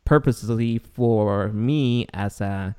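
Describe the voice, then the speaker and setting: A man's voice: lowish voice, takes it slowly, a little mellow, clean tone. A young man who speaks English as a second language, chatting casually as a podcast host in a big, echoey room that sounds like an empty warehouse. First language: not English. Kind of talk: casual chat. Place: large, tall apartment room.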